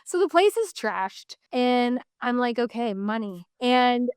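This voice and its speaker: A woman's voice: a little high, lively intonation, slow, clean tone, dry recording, clean studio sound. A woman in her thirties, a podcast guest, telling a story with blunt emphasis and acted-out quotes. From San Francisco Bay Area. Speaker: podcast guest, real estate agent. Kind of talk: storytelling in casual interview.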